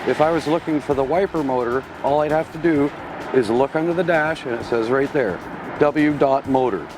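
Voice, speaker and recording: A man's voice: a little high, moderate pace, over music, rough recording. A man giving a plain-spoken, matter-of-fact promotional walkthrough as a plant tour presenter. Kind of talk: explanatory promotional product walkthrough.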